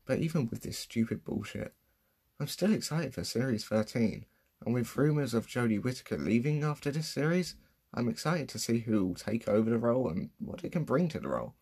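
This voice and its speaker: A man's voice: medium pitch, animated, brisk, a little mellow, slightly rough. A young man giving casual, unscripted commentary in a sarcastic, self-mocking and profane way. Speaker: vlogger.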